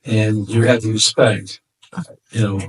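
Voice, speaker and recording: Low-voiced man, distant from the mic. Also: flat delivery. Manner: slow, thoughtful. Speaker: dating show contestant. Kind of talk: casual chat.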